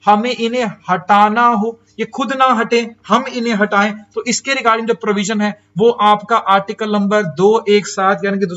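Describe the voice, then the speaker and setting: A man with an Indian accent delivers an exam-prep lecture in a fairly high voice, chatty and full of questions he answers himself. Key English terms are stretched out slowly for emphasis. The recording sounds dull and lo-fi. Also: a bit bright. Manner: chatty teacher, asks and answers his own questions, says "sir" and "bhaiya". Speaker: teacher.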